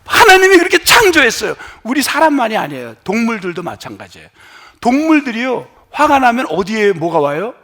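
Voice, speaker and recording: A middle-aged man preaching a sermon in a notably high voice. His pitch leaps and dips with lively animation, and he keeps questioning his congregation, moving from forceful near-shouts down to soft hushed whispers. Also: a little fast. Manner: animated, swings from loud emphatic lines to hushed near-whispers; asks the congregation questions and has them try words aloud. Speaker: pastor.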